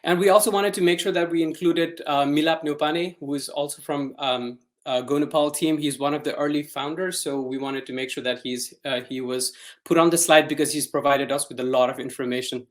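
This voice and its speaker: A man presenting a community talk in a friendly, relaxed way. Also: on the high side, fairly quick. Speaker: conference speaker.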